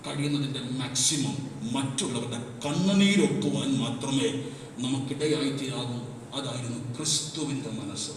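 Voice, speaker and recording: A man preaching a sermon as pastor, impassioned, swinging from hushed to shouting, recorded in a church hall. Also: medium pitch, moderate pace, a little hiss or hum. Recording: echoey hall, mic far off.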